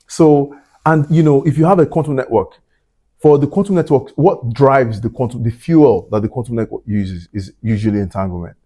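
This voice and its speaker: Guy hosting a science chat show, warm mellow tone, loose and rambly. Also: mid-range voice, moderate pace. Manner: chatty, lots of fillers and asides. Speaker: podcast host. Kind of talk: casual interview chat. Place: Glasgow.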